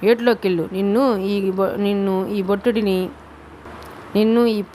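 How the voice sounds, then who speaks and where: A woman voicing a greedy, harsh, sarcastic middle-aged father who speaks slowly in a rustic, mocking way. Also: medium pitch, fairly even intonation, warm tone, a little hiss or hum, lightly acted. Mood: scornful.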